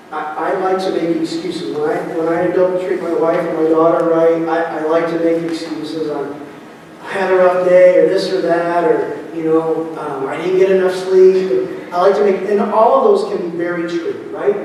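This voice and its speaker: A man's voice: on the high side, a little mellow. A man preaching a sermon as pastor, speaking conversationally and often asking the congregation rhetorical questions. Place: church sanctuary. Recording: echoey hall, distant mic, faint noise.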